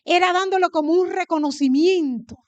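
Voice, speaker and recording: A woman from the Dominican Republic preaches to her church in a Dominican accent, with a high voice. She keeps putting questions to the congregation and answering them herself. The sound is dry and close, with little room echo. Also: normal speed, highs cut off. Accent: Dominican Spanish. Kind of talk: sermon.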